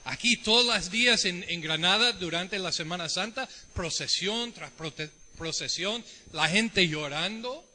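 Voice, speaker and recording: Bright-voiced American preacher speaking Spanish. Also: male voice, high-pitched, a little slow, few pauses, long reverb tail. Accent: American with Ecuadorian Spanish mix. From United States. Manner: asks the congregation questions. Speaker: visiting preacher. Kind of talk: sermon. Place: church.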